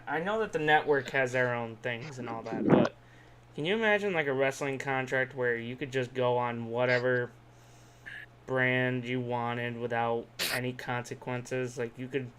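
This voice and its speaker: On a casual wrestling podcast, a male co-host chats in a mid-range, steady voice at a normal speed. His home microphone picks up faint background noise.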